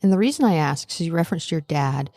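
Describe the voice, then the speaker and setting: A woman's voice: deep voice, expressive, fast talker, gravelly, dark tone. A woman hosting a podcast interview, asking direct follow-up questions. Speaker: podcast host.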